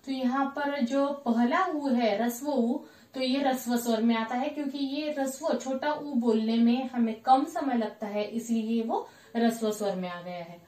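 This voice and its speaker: A woman teacher with a high voice talks her class through a grammar lesson at an unhurried pace. She asks questions and answers them herself, repeating each point. She is heard from a distance, in an echoey room. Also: darkish tone.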